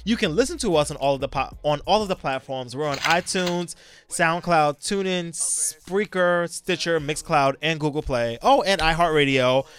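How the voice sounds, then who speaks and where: A man's voice: a little high, normal speed, noisy background. A man bantering casually as a podcast co-host.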